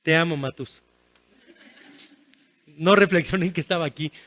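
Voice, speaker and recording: A man's voice: a little high, normal speed, a bit bright. A man preaching a sermon as guest pastor, earnest and pleading, with repeated phrases and touches of self-deprecating humor. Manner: earnest, repetitive pleading cadence.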